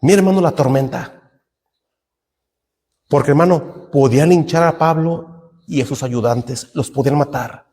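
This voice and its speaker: A man's voice: a little high, moderate pace, long pauses, a little mellow, in a large hall. A middle-aged Mexican man preaching a fervent sermon in a Mexican Spanish accent, calling out to the brethren every few words. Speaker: pastor.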